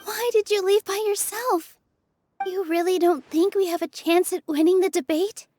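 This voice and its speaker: Very high-voiced, gentle young heroine. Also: female voice, steady tone, moderate pace. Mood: concerned. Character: gentle, earnest, caring young dancer heroine. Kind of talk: video game voice acting. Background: faint game music.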